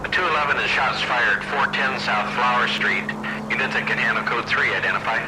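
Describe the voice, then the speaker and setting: A man's voice: medium pitch, brisk, heavy background noise. An actor playing a male police dispatcher who calls out codes and addresses over a police radio in a clipped, businesslike way. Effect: police radio transmission.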